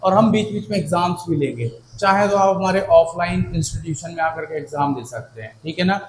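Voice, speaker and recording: A man teaching an English lesson in Hindi, warmly encouraging his students and checking in often with "theek hai na," slowing down to spell out English words and their meanings. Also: on the high side. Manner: affectionate and encouraging, addresses students as children and "beta"; slows right down for English phrases and word meanings. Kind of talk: Hindi-medium exam-prep lesson. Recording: echoey room with faint background hum.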